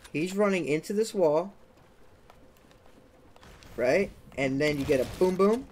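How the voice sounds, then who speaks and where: A young man giving a casual gameplay walkthrough as the channel's creator, chatty, often checking in with "okay?" and adding "boom" sound effects. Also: slight background noise. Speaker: gaming tutorial creator.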